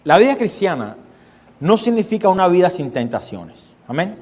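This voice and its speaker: His slightly high, darkish voice carrying a sing-song lilt, a male pastor preaches emphatically at a moderate pace. He repeats key phrases and throws rhetorical questions at listeners as the church hall's long reverb rings out.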